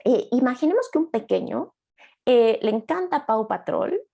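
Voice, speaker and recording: A woman therapist teaches an online class with a slightly high yet mellow, gravelly voice. She explains step by step, now and then acting out a child's or a parent's words. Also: big pitch swings, normal speed.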